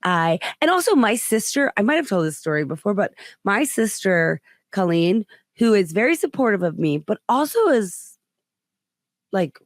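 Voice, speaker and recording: A woman's voice: mid-range voice, big pitch swings, moderate pace, no echo, clean studio sound. A woman comedian hosting a podcast, telling a rambling story in casual chat, full of fillers and acted-out quotes. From United States.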